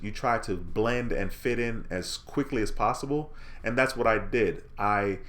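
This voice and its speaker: A relaxed Jamaican man with a low voice hosts a live stream, chatting casually in a friendly way as he reads viewer comments aloud and answers them.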